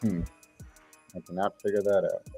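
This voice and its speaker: A man's voice: sits low, level tone, moderate pace, gravelly, dark tone, breathy edge, faint music behind. A man co-hosting a casual morning livestream chat, joking around, his audio muffled and underwater-sounding. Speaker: co-host.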